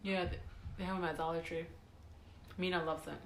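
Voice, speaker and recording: A woman co-hosting a podcast in laid-back casual chat, often trailing off quietly. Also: fairly low pitch, level tone, brisk. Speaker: podcast co-host. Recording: echoey room with faint noise.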